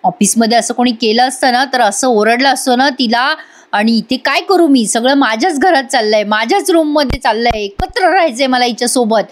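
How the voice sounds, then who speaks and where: A woman's voice: on the high side, brisk, close to an everyday voice. A woman voicing an angry, suspicious young husband who needles his wife sarcastically. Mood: irritated. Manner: sarcastic, accusing.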